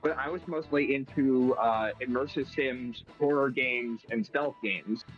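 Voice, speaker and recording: A man's voice: mid-range voice, a little slow, highs cut off, soft background music. A man chatting casually while playing a game, hesitant with many fillers and restarts. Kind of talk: casual gaming chat.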